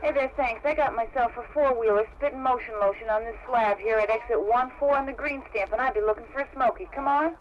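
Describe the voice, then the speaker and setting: A woman's voice: a little high, fast, few pauses. A woman playing a friendly motorist calling over CB radio, with clipped calls in trucker slang. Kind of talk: scripted radio dialogue for a language record. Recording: muffled CB radio with faint static.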